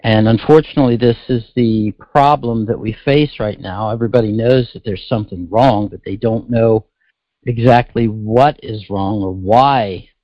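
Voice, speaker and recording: A man hosting a solo political talk broadcast, speaking haltingly with thick, slurred speech from a swollen tongue and addressing listeners in folksy asides. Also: fairly low pitch, dry recording, lo-fi sound. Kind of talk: solo talk-show monologue.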